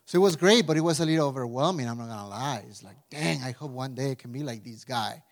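At a quick pace and medium pitch, a Mexican pastor in his forties delivers a casual sermon that includes a prayer. He has a Mexican Spanish accent and sounds chatty and animated, repeatedly restarting and adding "right?" asides.

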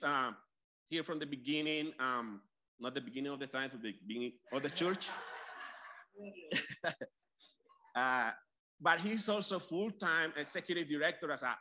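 A man at church introduces the next speaker without a script. His voice is bright and clear, but he pauses and goes back over his words often. He sounds friendly and informal. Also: on the high side. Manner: hesitant, many fillers and restarts. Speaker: church leader introducing the preacher. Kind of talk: unscripted announcement.

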